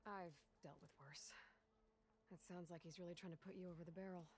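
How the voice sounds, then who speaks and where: Game role: a woman as a skeptical hunter, dry, slightly low voice. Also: steady tone, brisk, a little hiss or hum, natural voice.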